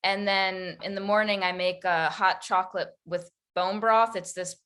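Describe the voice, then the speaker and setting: A woman's voice: medium pitch, steady tone, moderate pace, a bit bright. A woman hosting an interview, talking in a friendly, easygoing way with many fillers. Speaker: podcast host, interviewer. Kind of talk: casual interview chat.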